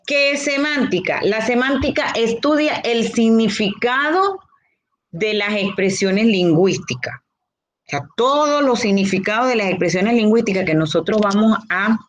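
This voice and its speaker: A woman teacher giving a grammar lesson, explaining slowly and answering her own questions, with a Honduran Spanish accent. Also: medium pitch. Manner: slow, explanatory, rhetorical questions.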